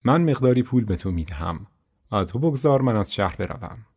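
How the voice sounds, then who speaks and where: A man's voice: lowish voice, animated, a little mellow, husky. A man narrating a folk tale voices a clever, brave young princess who speaks firmly and pleads. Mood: pleading.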